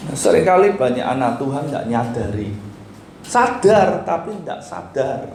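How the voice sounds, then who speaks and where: A man's voice: mid-range voice, very animated, measured pace, a little mellow, a little hiss or hum. A male pastor preaching a sermon in a casual, conversational way, asking questions and answering them himself. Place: church. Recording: roomy church hall echo.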